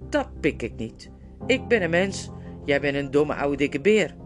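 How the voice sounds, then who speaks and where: A woman's voice: sits low, sing-song, unhurried, soft background music. A woman reading a storybook, voicing a scheming, domineering male ape who snaps and sneers. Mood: scornful. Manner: sneering, snapping orders.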